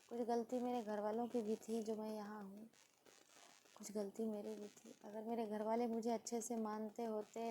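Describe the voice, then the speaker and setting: A woman's voice: medium pitch, dark tone, rough recording. A woman from India speaking in a sad, pleading personal vlog, repeating her words as she appeals to her viewers. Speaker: vlogger. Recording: faint background noise.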